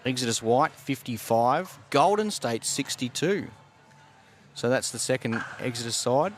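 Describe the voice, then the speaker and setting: A man doing relaxed, conversational live commentary on a sports broadcast. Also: mid-range voice, a little slow.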